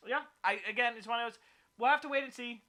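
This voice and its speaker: A man hosting a casual gaming podcast, rambling with lots of fillers and getting excited as he runs through news. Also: very high-pitched, fast talker. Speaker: podcast host. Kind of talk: casual chat.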